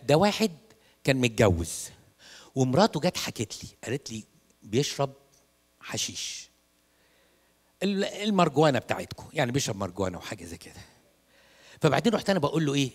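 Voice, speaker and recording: A man with an Egyptian Arabic accent preaches at a quick clip, telling stories and switching into short acted dialogues. He mixes English phrases into his sermon. His voice carries the long reverb of a church hall. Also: mid-range voice. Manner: animated storytelling, acts out dialogues, mixes in English. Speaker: priest.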